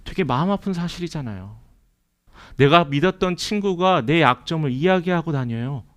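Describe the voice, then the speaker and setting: A man preaching a Sunday sermon in a church sanctuary, his voice clear and resonant and pitched a little high. He speaks earnestly, asks the congregation questions and acts out the lines he quotes. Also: expressive, normal speed, a bit bright. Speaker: pastor.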